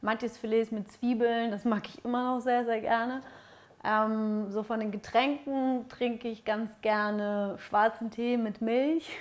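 A woman's voice: fairly high pitch, fairly even intonation, takes it slowly. A young woman from Ukraine, a fitness vlogger, answering viewer questions in a casual, friendly chat with many fillers, on a lapel mic in a living room. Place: bright living room, on a sofa.

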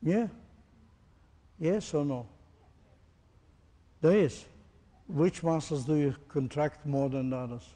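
Guy lecturing a class and firing questions at them, bit high voice, echoey big hall. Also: slow pace, long pauses. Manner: questioning, demonstrating, animated. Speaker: teacher. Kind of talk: interactive lecture to a group.

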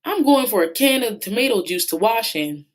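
A woman's voice: animated, moderate pace. Woman doing a snarling angry thief. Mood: bellowing. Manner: shouted, high and strained.

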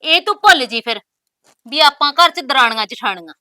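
Defiant young bride, high bright voice, dry close sound. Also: female voice, expressive, moderate pace, no echo, exaggerated voice. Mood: scolding. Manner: bold, scolding, proverb-laden retorts. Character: sharp-tongued young newly married woman, defiant. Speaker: actress. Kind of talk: village family drama acting.

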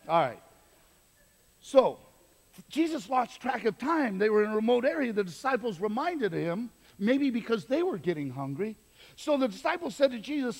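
Male pastor, animated preacher, higher voice, booming hall reverb. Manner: animated, emphatic preaching with asides. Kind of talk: sermon. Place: church sanctuary. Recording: long reverb of a church hall.

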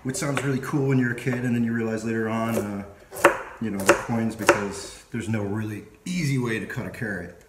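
A man's voice: fairly low pitch, brisk. A man in his forties hosting a casual home cooking vlog, chatting playfully to the camera while he chops vegetables in his kitchen. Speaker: cooking show host. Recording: echoey kitchen with clear background noise.

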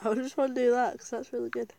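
A woman's voice: on the high side, little pitch movement, fast, creaky, mellow. Giggly woman narrating a game. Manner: chatty, giggly, talking to viewers. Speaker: gaming video creator. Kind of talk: casual gameplay commentary.

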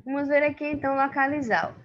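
A woman's voice: high-pitched, fast, muffled recording, a little hiss or hum. A woman with a Brazilian Portuguese accent, teaching a Spanish class online in an informal way, with many fillers.

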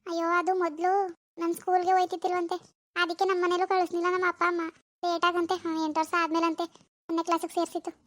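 Someone voicing a squeaky, timid village girl. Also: monotone, fast talker, a bit bright, dry recording. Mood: nervous. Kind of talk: animated village drama.

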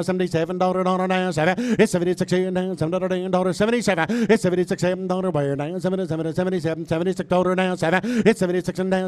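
Cattle auctioneer, male, high bright chant at breakneck speed, smooth and clear. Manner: rapid rhythmic filler-word chant. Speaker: livestock auctioneer.

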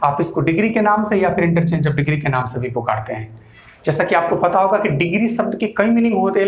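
A man with a high voice teaches an English grammar lesson in class, walking through points step by step, repeating them and answering his own questions. The room is echoey.

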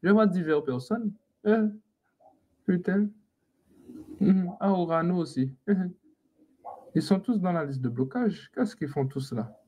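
A man's voice: high voice, lively intonation, unhurried, pauses often, warm tone, husky. A man hosting a casual live stream, teasing and scolding his viewers and laughing often. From French Antilles.

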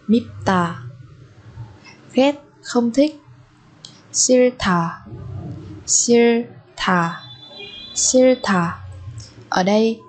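Brief: a Vietnamese woman teaching Korean words, drilling each one slowly, with a soft, breathy voice. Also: mid-range voice. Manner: slow, deliberate, repeats each word three times. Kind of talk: vocabulary lesson with repeated pronunciation.

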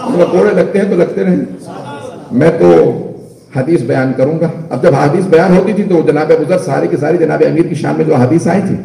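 A male cleric delivering an impassioned religious sermon in a crowded mosque, questioning the congregation directly and building to shouted emphasis. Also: a little high, a little fast, creaky. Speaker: Shia cleric preaching at a majlis. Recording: echoey mosque from a distance.

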